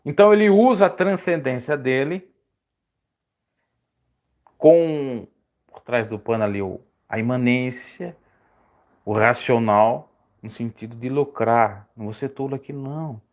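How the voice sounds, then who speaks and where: A man preaching casually on a live stream, rambling and correcting himself, his voice jumping high when he stresses a point. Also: unhurried, long pauses, a little mellow. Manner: rambling, self-correcting, pitch swings high when emphatic.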